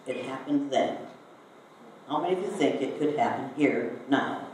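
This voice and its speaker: A woman's voice: very deep voice, moderate pace, a little mellow. An older woman from Iowa, telling a story to a live audience and asking them questions. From Iowa, United States. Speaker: speaker giving a talk. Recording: very echoey hall, voice from a distance, faint noise.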